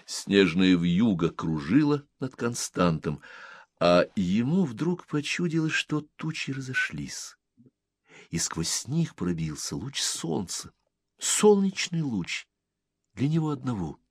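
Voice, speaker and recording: A man narrating an audiobook in an expressive storytelling reading. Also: mid-range voice, slow, husky, no room sound. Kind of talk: scripted narration.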